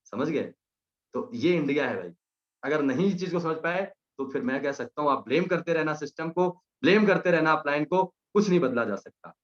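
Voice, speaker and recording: Young guy pumping up his team, kinda high voice, keeps repeating lines, bit muffled audio. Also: lively intonation, normal speed. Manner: emphatic, repeats punchlines. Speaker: motivational team leader. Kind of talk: motivational speech to a team. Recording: slightly muffled lo-fi recording.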